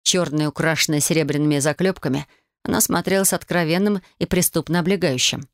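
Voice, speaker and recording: A woman narrating a first-person fantasy audiobook in a lively, wry way, voicing the dialogue. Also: deep voice, brisk, no room sound, studio quality. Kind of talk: audiobook fiction reading.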